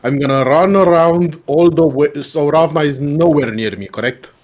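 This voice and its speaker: A man's voice: a little high, normal speed, a little mellow. A man playing a tabletop game, talking hesitantly with many restarts. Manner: hesitant, lots of restarts and throat clearing. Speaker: player.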